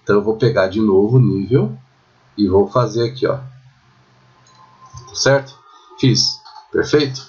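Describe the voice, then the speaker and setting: Chatty Brazilian man teaching software. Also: lowish voice, moderate pace, muffled recording. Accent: Brazilian Portuguese. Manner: chatty, checks in with the viewer constantly. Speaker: architecture software instructor. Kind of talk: screen-recorded software tutorial.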